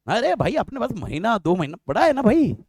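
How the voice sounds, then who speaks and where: A man's voice: high voice, wildly swooping pitch, brisk, a little mellow, dry recording. A man teaching law in an online lecture, quizzing his students over and over with repeated questions and joking with them.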